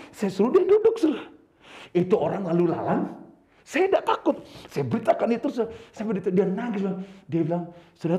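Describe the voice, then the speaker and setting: A man preaches and tells his own story, his voice leaping from loud bursts to soft asides. His tone is mellow rather than bright. He is heard in an echoey room with faint music behind him. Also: sits high. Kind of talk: sermon with personal testimony.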